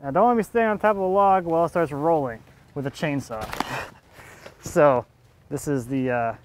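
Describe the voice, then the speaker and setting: With a fairly high voice at a moderate pace and a little hiss or hum on the audio, a man in his thirties talks through his sawmill work. He runs the mill and saws a log outdoors in its yard, thinking aloud and chuckling from time to time.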